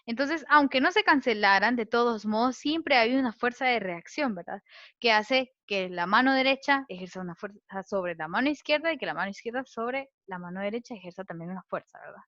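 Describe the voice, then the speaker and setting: Her voice on the high side, bright and forceful, a woman teaches physics over slides with expressive, slightly quick delivery. She's patient, going step by step and checking understanding with a questioning tag; the recording is muffled and lo-fi with no room sound.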